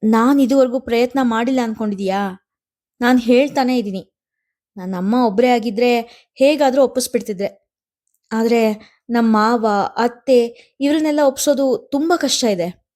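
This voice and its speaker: Distraught young lover in a storybook, pleading and raised, mellow tone, voiced by a woman narrator. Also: a little high, normal speed, long pauses, close to an everyday voice. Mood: upset. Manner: upset, pleading, sharp when angry. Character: young woman in love, tearful and fed up.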